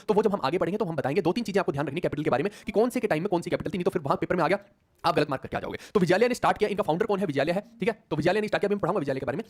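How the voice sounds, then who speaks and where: A male history teacher giving an online exam-prep class in Hindi mixed with English, teasing students and often asking "है ना?" to check in. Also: high-pitched. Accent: Hindi with English words mixed in. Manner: rapid, teasing, repeatedly checks in with "है ना?"; jokes with students mid-lesson.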